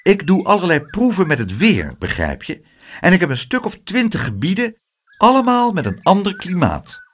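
A man's voice: sits high, wildly swooping pitch, moderate pace, a bit bright, pitched above the performer's own voice, full character voice. A man voicing a fussy, grumpy grown man who runs weather experiments, peevish and scolding.

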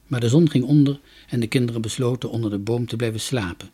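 A man reading a children's story aloud with expressive, lilting delivery. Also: mid-range voice, fast, breathy edge.

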